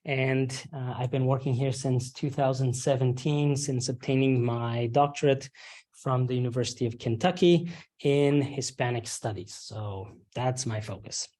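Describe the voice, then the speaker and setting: A man presents a workshop to fellow faculty. He speaks in a halting way, filling pauses with ums and uhs and checking in with "right?". His voice sits at a middle pitch. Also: steady tone, warm tone. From Romania. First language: Romanian. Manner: halting, many ums and uhs, tags rhetorical questions with "right?". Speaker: university lecturer leading a faculty workshop.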